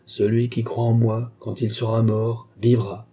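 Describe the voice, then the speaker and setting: A man voicing a male pastor who reads funeral scripture slowly and solemnly. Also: medium pitch, flat delivery, mellow, husky. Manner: slow, solemn liturgical reading.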